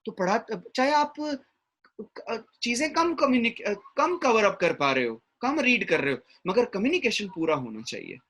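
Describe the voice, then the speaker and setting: A man's voice: high-pitched, sing-song, moderate pace, a bit bright. A man giving a classroom lecture as an English teacher, often checking in with his listeners. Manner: mixes English words into explanation, frequent "ठीक है ना?" check-ins.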